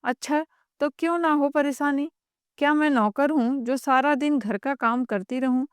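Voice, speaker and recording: A woman's voice: sits high, moderate pace, no echo, clean studio sound, lightly acted. Woman playing an indignant, overworked young wife. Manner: indignant, raised voice.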